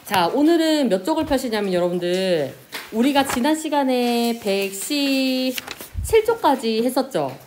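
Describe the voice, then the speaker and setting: A woman teacher giving a classroom lesson, asking questions and answering them herself, and drawing out example words slowly. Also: fairly high pitch, a little hiss or hum. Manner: lively, pronounces example words slowly and drawn out. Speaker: Korean language teacher. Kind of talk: classroom lecture.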